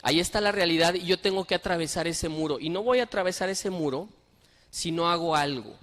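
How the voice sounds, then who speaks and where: A man's voice: on the high side, fairly quick, fairly bright tone. A middle-aged man delivers a sermon in a slightly raised voice. He tells anecdotes and presses his listeners with earnest questions. A long church reverb trails after his words. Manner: storytelling with rhetorical questions, earnest. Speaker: pastor. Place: church hall.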